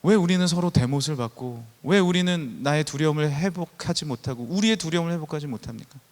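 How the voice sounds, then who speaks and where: A man in his thirties preaching a sermon, telling stories and swinging from soft passages to loud, emphatic ones. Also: a little high, expressive, fast talker. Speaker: pastor. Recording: long church hall reverb.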